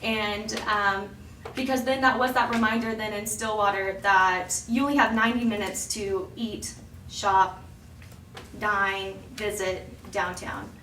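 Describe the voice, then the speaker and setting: Hoarse from weekend cheering, a woman promoting downtown businesses gives council a chatty, informal report peppered with ums and self-corrections. Her mid-range voice is pushed and bright, with fairly even intonation and an unhurried pace, picked up by a distant mic in an echoey chamber with faint hiss.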